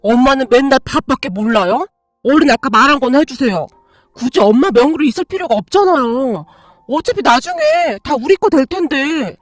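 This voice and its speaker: A bitter grown son who whines and snaps at his stepmother, as a woman reading a story puts him on. He speaks in a high, sharp voice and pushes every demand. The sound is dry and close, with faint music underneath. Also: big pitch swings, normal speed, no echo. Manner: whiny, confrontational. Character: resentful adult son demanding property.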